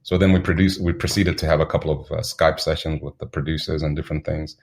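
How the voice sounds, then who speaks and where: A man from Zambia, a guest telling stories in a relaxed interview, unhurried and anecdotal, chuckling now and then. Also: a bass voice, gravelly. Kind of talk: reflective storytelling in an interview.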